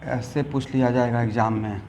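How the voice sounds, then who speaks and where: A man's voice: medium pitch, fairly even intonation, normal speed, a little mellow, slight background noise. A man teaching chemistry to a class. He asks the students questions and answers them himself, and he mixes English technical terms into his speech. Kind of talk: classroom lecture. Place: classroom with students, also streamed online.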